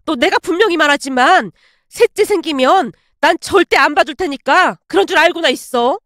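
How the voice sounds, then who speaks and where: A woman's voice: high voice, very animated, moderate pace, dry recording, studio quality. A woman playing a furious scolding mother. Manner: scolding, shouting. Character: angry, blunt middle-aged Korean mother.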